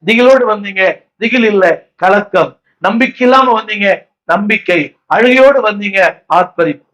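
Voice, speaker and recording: In a church, an Indian pastor with a Tamil accent preaches a sermon in a high, slightly bright voice at normal speed, and the recording is rough. He keeps urging his congregation to repeat his words aloud, exhorting them, repeating himself, and putting questions to the crowd.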